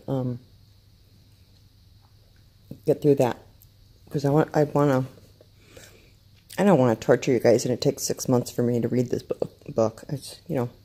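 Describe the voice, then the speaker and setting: A woman chats at home in a low, mellow voice. She rambles and often restarts her sentences, chewing food between thoughts as she shows off her crafts. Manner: rambling, self-interrupting, chatty. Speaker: vlogger. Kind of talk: casual chat to camera. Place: home, downstairs room.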